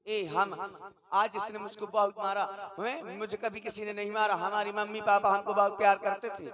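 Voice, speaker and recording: A man's voice: high voice, little pitch movement, normal speed. A man with a Bundeli accent telling a comic story on stage, with a rustic, playful delivery and childish voices he puts on. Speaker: stage comedian. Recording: live stage show with crowd noise.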